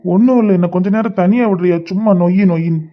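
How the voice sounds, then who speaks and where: A man voicing a high, irritated young husband. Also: fast, highs cut off, natural voice. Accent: Kanyakumari Tamil. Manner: snapping, exasperated. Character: young husband, brooding and short-tempered. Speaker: cartoon voice actor. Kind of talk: homemade cartoon voice acting.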